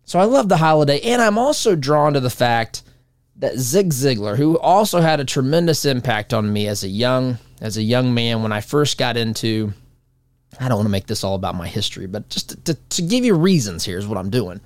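A man in his forties hosts a talk show, wandering through his thoughts in a loose, conversational way and often restarting sentences. His voice sits in an ordinary middle pitch. It is recorded close and dry, with no room sound. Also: expressive, a little fast, no echo. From United States. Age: 40s. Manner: rambling, conversational, many restarts. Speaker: radio talk show host. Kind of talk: casual monologue.

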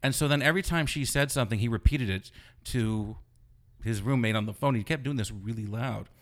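A man of average pitch tells a story in a loose, animated way and leans on "you know" again and again. He is a blogger being interviewed, and he speaks casually. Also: brisk. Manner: rambling, animated retelling full of "you know". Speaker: blogger guest.

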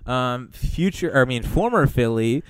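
A man's voice: mid-range voice, lively intonation, normal speed, clean tone, no room sound. A man co-hosting a casual sports podcast, teasing and playful with his co-host.

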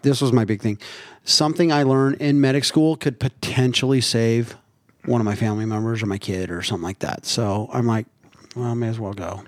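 A man's voice: mid-range voice, brisk, dry recording. Man, podcast guest, jokey anecdotes, swears a lot, dry recording. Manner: animated, profane, jokey storyteller. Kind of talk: casual storytelling.

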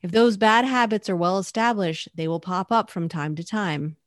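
A woman's voice: medium pitch, moderate pace, no room sound. Friendly woman podcast co-host, dry sound. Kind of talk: casual podcast chat.

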